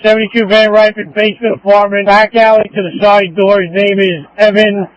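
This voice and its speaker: Man, high voice, police dispatcher, muffled two-way radio, marine-radio style procedural calls. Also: little pitch movement, brisk, dry recording.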